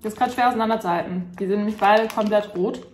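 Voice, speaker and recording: A woman's voice: mid-range voice, quick pace, darkish tone. A young woman food vlogger chatting casually and eagerly through a mouthful of candy while tasting. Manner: chatty and enthusiastic, thinking aloud while tasting. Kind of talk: casual taste-test review. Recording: echoey room, faint background music.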